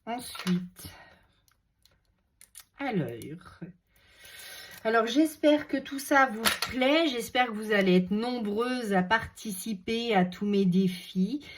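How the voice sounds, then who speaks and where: A woman with a runny nose chatting casually while she shows a craft project, relaxed and talkative as she works. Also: on the high side, takes it slowly, pauses often, slight background noise. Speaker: craft video host. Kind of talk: casual craft tutorial chat.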